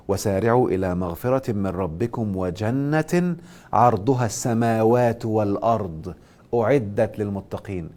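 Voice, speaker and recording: A man with an Egyptian accent hosting a live stream, giving a motivational and religious talk and answering viewers' questions. He stresses points loudly, then drops to soft asides. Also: mid-range voice. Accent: Egyptian Arabic. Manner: emphatic, swings between loud stress and soft asides. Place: live social media stream.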